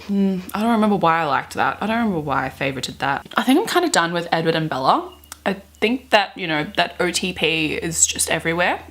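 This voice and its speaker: In a small bedroom, a wry, chatty book vlogger in her 20s mixes casual talk with dramatic readings of fan fiction. Her voice is lowish and a bit bright.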